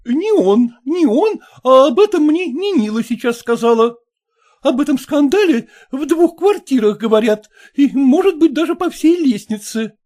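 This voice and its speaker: Brief: a man playing a fretful middle-aged mother who nags and scolds, lively and mellow, storybook reading. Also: very high voice, normal speed. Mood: scolding. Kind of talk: audiobook character voice.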